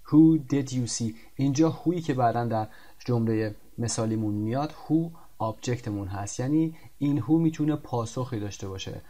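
Male tutor, explaining grammar, slow and deliberate on the example sentences. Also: medium pitch, dark tone. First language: Persian. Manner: explains in Persian, reads English examples slowly and carefully. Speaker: English teacher. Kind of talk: recorded grammar lesson.

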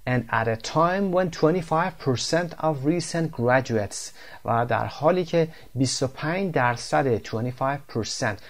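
Persian guy teaching english words, mid pitch, says the english bits slowly. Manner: slow, careful when reading English examples. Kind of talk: explaining English vocabulary and pronunciation.

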